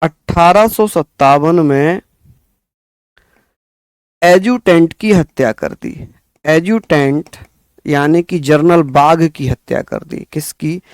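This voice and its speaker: High-voiced man drilling history facts. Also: dry recording. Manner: repeats key facts slowly, drilling students; scolding but caring pep talk. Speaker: teacher. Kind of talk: exam-prep history lesson.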